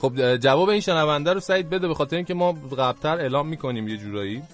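A man's voice: fairly high pitch, lively intonation. A man hosting a radio show, chatting casually and joking with his co-host and callers. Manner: friendly, joking, quick back-and-forth. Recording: radio studio broadcast with faint music.

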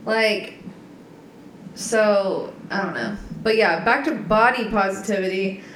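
A woman's voice: mid-range voice, takes it slowly, fairly bright tone. A young woman co-hosting a casual chat, rambling with many fillers and asking questions. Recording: echoey room with faint noise.

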